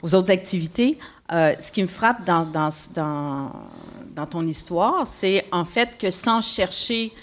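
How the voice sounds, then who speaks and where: Panel moderator, woman, slightly low voice, halting delivery. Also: animated, a little hiss or hum. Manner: hesitant, repeating words.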